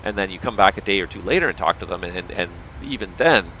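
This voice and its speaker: In this rough recording with slight background noise, a man talks fast with lively intonation and a sharp tone from a low-sitting voice. He is a pilot doing casual livestream commentary, his voice strained and tiring as he explains things at length in long, opinionated trains of thought.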